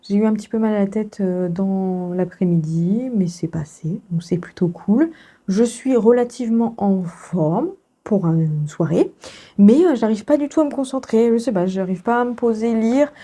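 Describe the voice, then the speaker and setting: A young woman with a warm, mid-range voice talks at a normal speed in her casual book vlog. A sore throat leaves her congested, and her chatter is full of fillers and laughs.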